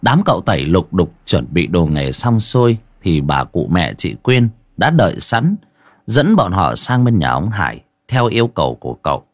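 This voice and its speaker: Guy telling a ghost story, lowish husky voice, dry close sound. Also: normal speed, dry recording. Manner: lively, dramatic storytelling.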